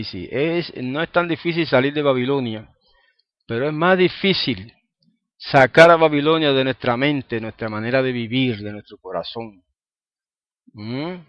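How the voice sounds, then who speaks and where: A man's voice: mid-range voice, no room sound. Conversational male preacher, muffled recording. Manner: conversational, asks the listeners "¿ah?" and "¿verdad?" often; chuckles between points. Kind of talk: informal sermon to a congregation.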